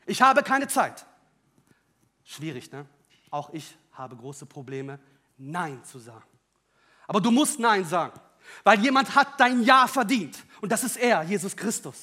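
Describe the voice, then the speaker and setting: In an animated, unhurried sermon, a high-voiced man preaches to his congregation, hammering points home with loud, rising emphasis. Then he drops into quiet, wry personal asides and jokes.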